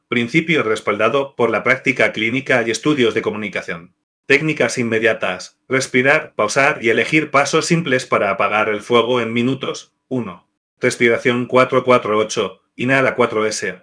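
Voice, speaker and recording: A man narrates a scripted devotional lesson with a bright, forceful tone. His reading is measured and orderly. His voice rises or drops sharply each time he announces a numbered point. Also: medium pitch.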